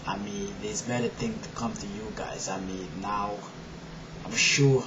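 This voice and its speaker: A Haitian video blogger with a Haitian accent and a fairly low, steady voice shares his faith testimony to camera. He rambles with lots of "you know" fillers, starting soft and halting before turning loud and forceful. The recording is muffled, with a noisy background.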